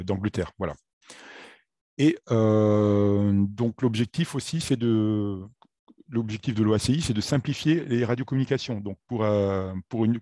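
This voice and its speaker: A French-speaking man giving a video lesson on aviation, talking in a halting way with many fillers and self-corrections. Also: lowish voice, warm tone, dry recording. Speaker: aviation theory instructor.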